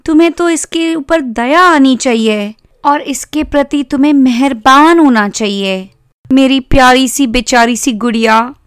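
A woman voicing a young girl who tenderly protects her rag doll, in a high cooing voice. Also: a little slow, clean tone, dry recording, studio quality. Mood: tender coaxing.

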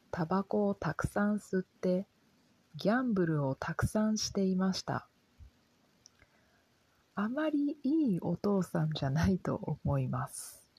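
A soft-spoken woman reading a simple lesson for language learners in a calm, gentle, careful way. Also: fairly low pitch, slightly rough, dry recording, low-quality recording. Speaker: Japanese language teacher.

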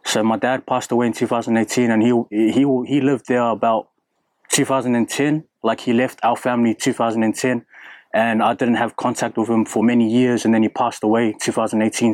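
A young man from New Zealand with a New Zealand accent, talking candidly and haltingly in an interview, with many fillers and restarts. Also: mid-range voice, dry recording. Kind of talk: casual interview.

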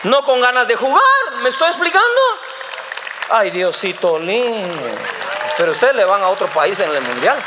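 A male pastor preaching a sermon, lively and teasing, acting out little dialogues. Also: extremely high pitch, fast, few pauses, crowd noise, noisy background.

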